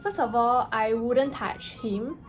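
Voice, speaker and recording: Young woman, slightly high pitch, casual vlog rant, animated, exasperated emphasis, background music. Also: takes it slowly. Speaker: vlogger. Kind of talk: casual ranting vlog storytelling. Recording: music playing behind the voice.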